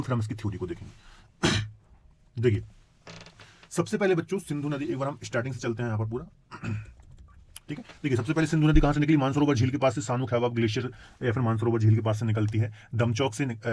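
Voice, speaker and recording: A man teaching geography for exam prep, who keeps asking his students rhetorical check-in questions and clears his throat now and then. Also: medium pitch, a little mellow, slight background noise. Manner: addresses students as children.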